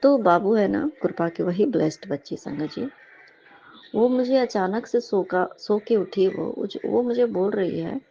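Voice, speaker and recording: A woman speaking, sharing a devotional testimony with a congregation in halting speech full of fillers, often turning to address her listeners respectfully. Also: mid-range voice, creaky, mellow, lo-fi sound.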